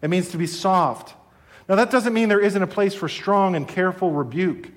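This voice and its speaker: High-voiced middle-aged pastor preaching. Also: male voice, moderate pace. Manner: earnest, conversational preaching to the congregation. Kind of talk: sermon.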